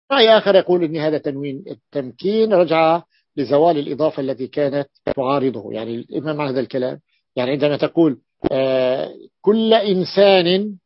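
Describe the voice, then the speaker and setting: A man's voice: on the high side, no echo. A male sheikh teaching a grammar lesson to students, repeating and drawing out words to stress them. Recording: dull lo-fi dry recording.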